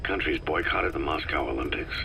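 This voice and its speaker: An actor playing a gruff soldier recovering from a coma, speaking slowly in terse, gravelly phrases in a video game. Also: male voice, rumbling low, pushed and bright, slight background noise, exaggerated voice. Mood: terse, subdued. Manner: laconic, slow, questioning. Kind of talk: dramatic video game dialogue.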